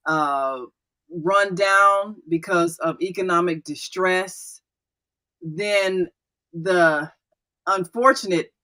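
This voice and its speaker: A woman hosts a radio talk show with a bright, forceful voice. She speaks emphatically and affirms her guests often. She picks up speed when she heads into a break. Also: fairly low pitch. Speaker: radio host.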